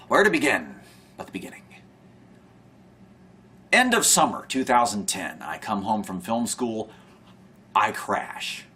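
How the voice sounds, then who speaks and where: Bright-voiced young man, sardonic vlogger. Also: fairly low pitch, big pitch swings, takes it slowly, long pauses. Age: young adult. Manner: sardonic, sighs often, trails off and restarts. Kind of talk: casual rambling monologue to camera.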